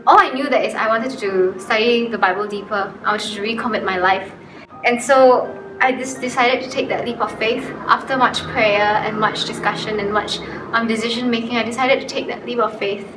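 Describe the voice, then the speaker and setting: A woman's voice: on the high side, steady tone, normal speed, noisy background. Candid woman recalling a decision. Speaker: graduate giving testimony. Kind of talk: personal testimony. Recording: roomy, distant recording.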